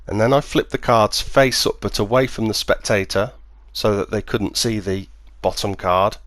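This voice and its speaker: Low-voiced man presenting a card trick, dry sound. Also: moderate pace, fairly bright tone, no echo. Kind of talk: instructional demonstration, patter and explanation.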